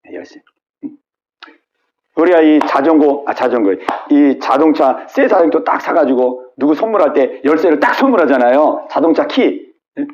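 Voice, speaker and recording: A middle-aged man preaching a midweek sermon as pastor, repeating key words and prodding listeners with quick asides. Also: a little high, expressive, dull audio. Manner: repetitive call-and-response with frequent "예?". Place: church sanctuary.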